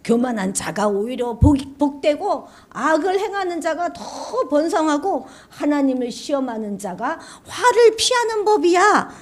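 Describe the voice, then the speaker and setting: A woman preacher acting out the indignant, complaining voice of a crowd of ancient people, high and whiny. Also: expressive, moderate pace, few pauses. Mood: scoffing.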